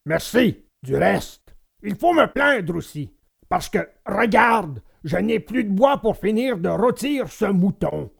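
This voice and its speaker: A man voicing a gruff bearded male puppet master with a hollow, gravelly voice, barking orders though soft at heart. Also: high-pitched, sing-song, slow pace, voice pushed up, heavily acted. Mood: commanding. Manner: barks orders, then softens.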